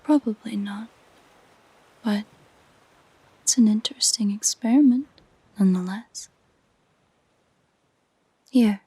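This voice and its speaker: In an intimate audio roleplay, a woman plays a possessive, curious female siren sweetly entranced by humans, speaking in soft, breathy, mostly whispered tones. Her medium-pitched delivery is slow, gentle, and musing, full of delight. The recording has no echo but is low quality.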